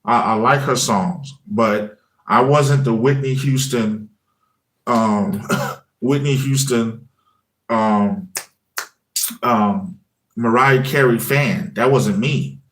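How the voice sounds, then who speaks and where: Speaking slowly with long pauses in a medium-pitched voice, a man in his forties chats through his story loosely, sprinkling in "you know what I mean." He used to teach high school and now makes a music channel, and he lively quotes his own past words.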